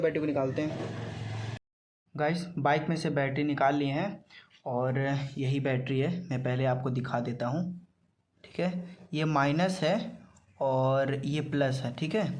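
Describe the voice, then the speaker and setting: This man from Gorakhpur, India, is a vlogger chatting informally with his audience in an eastern Uttar Pradesh accent, repeating his explanations and frequently adding check-in tags. He has a mid-range, slightly mellow voice. Ambience and obvious noise fill the amateur recording.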